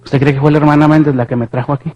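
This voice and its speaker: A man preaching his testimony as a sermon, impassioned, swinging from hushed to shouting and asking the congregation questions. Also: fairly high pitch, fairly even intonation, rapid-fire, highs cut off, a little hiss or hum.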